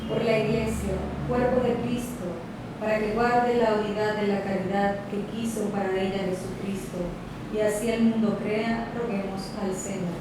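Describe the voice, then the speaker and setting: A woman reading the prayers of the faithful at Mass in a slow, measured liturgical style. Her voice carries a heavy church echo from afar. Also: mid-range voice, level tone, background noise. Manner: slow, measured intoning with set refrains. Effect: heavy church echo, heard from afar. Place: large church. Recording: reverberant church from far off, guitar behind.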